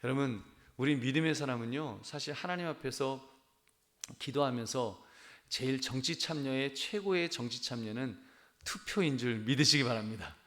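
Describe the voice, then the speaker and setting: A male pastor preaching a sermon in a mid-range voice. He speaks earnestly and addresses his listeners directly, rising into emphatic, animated stretches. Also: medium pitch, moderate pace. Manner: earnest, animated preaching with frequent appeals to the congregation.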